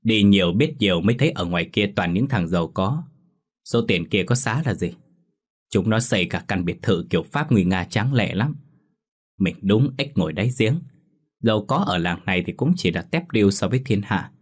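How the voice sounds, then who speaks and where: A greedy, hot-tempered village husband with a gruff, threatening delivery, read by a man. His voice sits low and husky. He belongs to an audiobook ghost story. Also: expressive, moderate pace. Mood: scheming.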